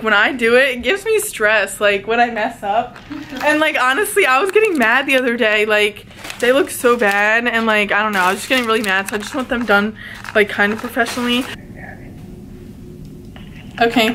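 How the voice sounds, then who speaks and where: A woman's voice: fairly high pitch, brisk, bright, forceful tone, a little hiss or hum. Chatty young woman vlogging from her car. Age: young adult. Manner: chatty, says "like" a lot. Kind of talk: casual vlog chat. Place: inside a car. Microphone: handheld camera at arm's length.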